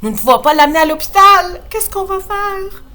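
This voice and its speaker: A Quebec woman reading a storybook, voicing a frantic mother in a high, shrill, panicky voice. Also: animated, moderate pace, sharp tone, exaggerated voice. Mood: panicked. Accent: Quebec French. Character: frantic mother of a young girl.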